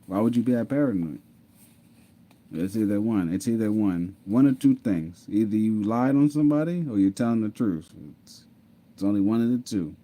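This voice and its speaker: Over screen share, a man casually tells viewers his own story, repeating himself, laughing and saying "mind you." His lowish voice is expressive and warm, moving at a normal speed.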